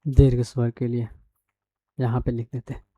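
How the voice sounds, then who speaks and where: A male teacher giving a school grammar lesson, dictating definitions slowly word by word as he writes them down and asking the class questions along the way. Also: medium pitch, level tone, dark tone, no echo. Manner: repeats definitions and quizzes the class.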